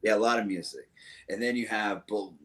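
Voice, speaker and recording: A young man from the American South with a very low voice talks as a guest in a relaxed interview. He rambles fondly, stopping and restarting with plenty of fillers. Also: brisk. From Southern United States. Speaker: musician guest. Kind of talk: casual interview chat.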